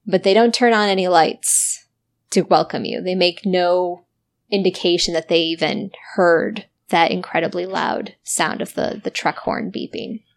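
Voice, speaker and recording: A woman improvising horror narration as game master of a tabletop game, with deliberate, suspenseful description. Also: fairly low pitch, vocal fry.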